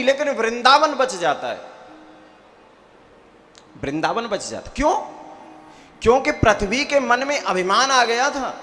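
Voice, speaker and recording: A man's voice: extremely high pitch, sharp tone. A man giving a devotional sermon as a preacher. He explains with rhetorical questions and breaks into chanted verses. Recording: long hall reverb with faint music.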